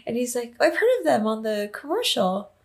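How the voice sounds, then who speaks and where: A woman's voice: fairly high pitch, unhurried. Laughing young woman telling a story. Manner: animated storytelling, laughs often. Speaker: podcast co-host. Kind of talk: casual chat.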